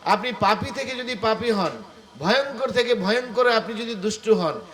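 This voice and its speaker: A male preacher giving an animated devotional sermon, asking the gathering rhetorical questions. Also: sits high, normal speed. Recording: echoey room with faint ambience.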